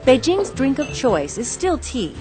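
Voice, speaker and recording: Woman reporter, lively up and down voice, a bit high, music under her. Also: unhurried, poor audio. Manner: upbeat, chatty on camera. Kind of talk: scripted news feature narration.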